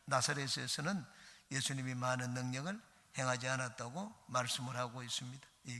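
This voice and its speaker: A man's voice: medium pitch, pushed and bright. A middle-aged male pastor giving an earnest dawn sermon, reading scripture aloud. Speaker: senior pastor. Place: church sanctuary. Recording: church hall reverb.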